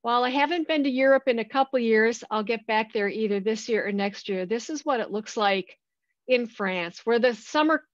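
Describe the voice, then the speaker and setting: A woman's voice: a little high, normal speed, no echo. A woman from a plant nursery giving a friendly, enthusiastic slide talk to a garden club. She describes plants with frequent fillers and restarts. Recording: dull, dry lo-fi recording.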